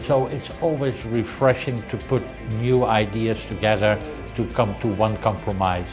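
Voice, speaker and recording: A man's voice: on the low side, steady tone, measured pace. A man giving an interview testimonial as an event attendee. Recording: music behind the voice.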